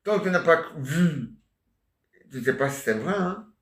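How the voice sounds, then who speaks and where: A man's voice: fairly high pitch, animated, moderate pace. A man talking in a meandering, joking monologue, full of little asides and fillers. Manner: meandering, jokey, filler-heavy. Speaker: vlogger. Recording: echoey room.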